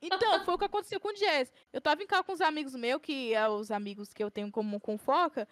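A young woman from Brazil telling a story in excited, animated casual chat with lots of slang. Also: sits high, fast talker. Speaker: guest streamer.

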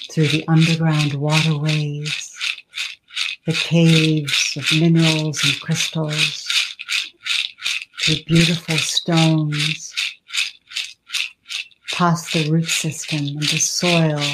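A woman leading a guided meditation with slow, soothing, drawn-out phrasing. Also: deep voice. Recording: loud background noise and rattle.

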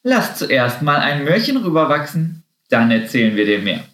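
A man's voice: fairly high pitch, sing-song, normal speed, a bit bright, voice pushed up. A man voicing a bossy little guinea pig in a children's story. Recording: roomy echo.

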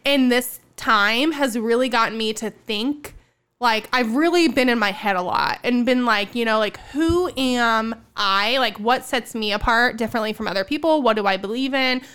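A woman's voice: fairly high pitch, normal speed, a bit bright, clean tone. A woman in her late twenties in a casual, reflective podcast chat, often using "like" as a filler. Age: 20s. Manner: reflective, heavy use of "like" fillers.

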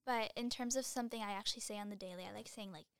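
A woman's voice: medium pitch, very fast, clear, resonant tone, dry recording, studio quality. A young woman in her late teens, chatting as a guest in a casual interview, giggly and full of fillers.

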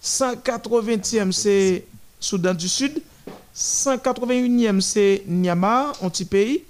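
Naming countries one by one as a parade of nations passes, a man keeps stopping and restarting his commentary; his voice sits high.

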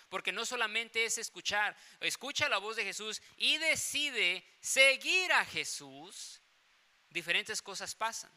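Male pastor, high and very bright voice, emphatic storyteller. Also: clear, resonant tone. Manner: storytelling, emphatic, repeats phrases. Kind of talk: sermon.

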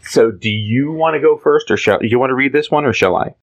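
A man's voice: mid-range voice, fast, low-quality recording. A man co-hosting a casual chat, describing and reading a comic aloud in a playful way. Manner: playful, jumps into voices, animated. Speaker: podcast co-host.

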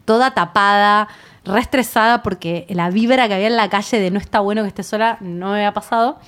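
A young woman with an Argentine Spanish accent, chatting casually and telling a lively travel story, acting out the voices she quotes. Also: medium pitch, quick pace, clear, resonant tone. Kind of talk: casual chat.

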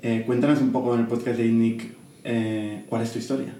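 A man's voice: medium pitch, flat delivery, a little fast, echoey room, over a noisy crowd. A man hosting a podcast interview, asking his guests questions in a conversational tone. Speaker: podcast host.

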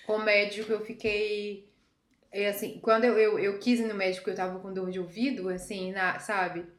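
A woman in a casual chat who talks quickly and jumps in to finish the other speaker's sentences. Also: medium pitch, little pitch movement, echoey room.

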